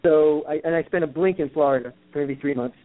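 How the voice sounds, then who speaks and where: This host is a man in his fifties from New York, speaking fast in a slightly high voice. He leads a casual discussion earnestly, frequently groping for the right words, and the recording sounds tinny and phone-like with a little background noise.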